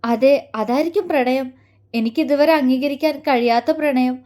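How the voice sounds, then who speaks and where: A woman voicing a soft, tearful young heroine. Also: sits high, close to an everyday voice. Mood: reflective. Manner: soft, hesitant, halting. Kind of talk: audio story acting.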